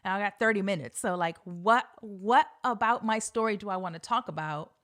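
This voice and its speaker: A woman's voice: mid-range voice, brisk, fairly bright tone. A middle-aged woman hosting a podcast, telling a story casually and animatedly, often laughing and swearing. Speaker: podcast host.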